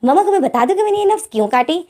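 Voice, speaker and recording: A woman's voice: very high voice, sing-song, racing, darkish tone, pitched above the performer's own voice. A woman voicing a whiny young man, pleading. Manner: pleading, protesting. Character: young man, hurt and whiny with his mother. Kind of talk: storytelling fanfiction reading.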